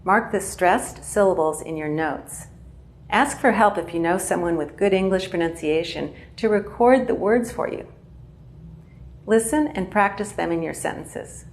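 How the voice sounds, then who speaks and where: A woman English teacher giving a clear, measured pronunciation lesson. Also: mid-range voice.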